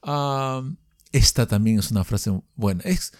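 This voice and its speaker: A Peruvian man with a Peruvian Spanish accent speaks at a measured pace in a mid-range voice. He's teaching English phrases in a podcast lesson and frequently checks in with his listeners.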